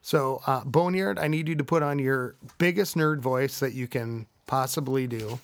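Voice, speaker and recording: A man's voice: mid-range voice, moderate pace, slight background noise. A man hosting a casual podcast, rambling with lots of fillers and restarts. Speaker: podcast host.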